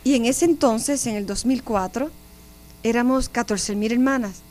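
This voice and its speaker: A nun in her fifties with a Puerto Rican accent shares her testimony in an interview. Her voice sits on the high side and sounds mellow and warm. She tells it vividly and keeps turning to her listeners. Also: moderate pace. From Puerto Rico. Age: 50s. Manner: animated storyteller, often addresses listeners directly.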